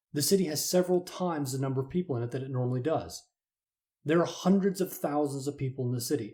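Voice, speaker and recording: A man's voice: mid-range voice, a little mellow. A man teaching a Bible lesson, retelling events in a dramatic, explanatory way. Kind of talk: storytelling lesson.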